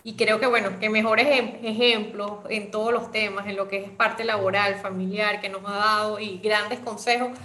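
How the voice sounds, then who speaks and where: A woman's voice: medium pitch, steady tone, normal speed, few pauses, pushed and bright, echoey room. A woman hosting an interview, asking long questions and thanking her guest with effusive praise.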